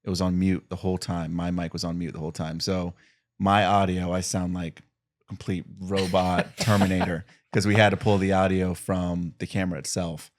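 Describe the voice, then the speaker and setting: A man co-hosting a casual podcast chat, relaxed and joking, laughing often. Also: low-pitched, moderate pace. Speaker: podcast co-host and producer.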